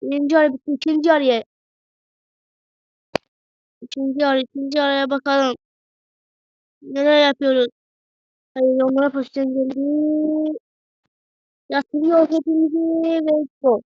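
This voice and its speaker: A woman's voice: high voice, unhurried, pauses often, no echo, lo-fi sound. A woman commenting on her own mobile football game, groaning and cheering at each play. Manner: excitable, groaning and cheering at the match. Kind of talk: gameplay commentary.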